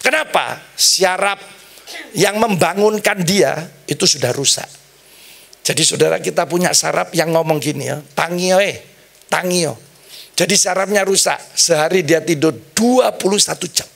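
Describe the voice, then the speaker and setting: A middle-aged man preaching a sermon, telling stories with lively, acted-out voices. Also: fairly high pitch, normal speed, vocal fry. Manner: animated storytelling preacher, acts out quoted voices. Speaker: pastor.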